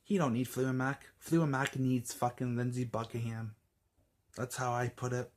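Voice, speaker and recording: A man's voice: medium pitch, flat delivery, moderate pace. A man ranting casually to camera in a vlog, angry, rambling with many fillers, restarts and swear words. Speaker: vlogger.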